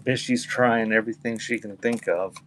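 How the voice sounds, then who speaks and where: This man hosts a casual live sale, reading out items and rambling between them while trading wry jokes with the chat. His medium-pitched voice keeps a fairly even intonation at a moderate pace. Background noise is clearly audible.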